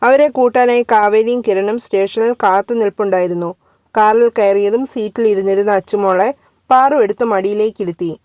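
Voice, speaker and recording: A woman narrating a serialized storybook in a steady, even reading voice. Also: mid-range voice, fairly quick, dry recording.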